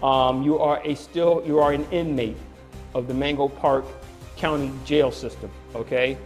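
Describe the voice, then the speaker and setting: A man's voice: mid-range voice, steady tone, measured pace, faint music behind. A man presiding as a judge, questioning people in a formal, firm manner. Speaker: TV court judge. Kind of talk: courtroom questioning.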